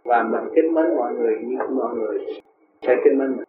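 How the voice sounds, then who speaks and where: A man's voice: mid-range voice, fairly quick. A man giving a spoken dharma talk. He tells folksy parables and keeps asking his listeners to see the point. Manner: folksy storytelling, asks "see?" often. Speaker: spiritual teacher. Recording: tinny echoey old tape with hiss.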